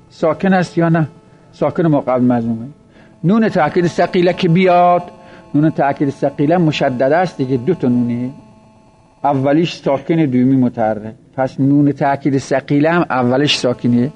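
A man's voice: a little high, a little mellow, dull audio. A man teaching a traditional Arabic grammar lesson, drilling word forms aloud and asking himself questions before answering them. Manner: explains step by step, repeating word forms aloud.

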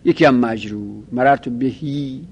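A man's voice: mid-range voice, a little mellow, husky, muffled recording. A man teaching a grammar class, explaining step by step and repeating each example in a list. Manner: methodical, repeats examples in lists. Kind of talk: classroom lecture.

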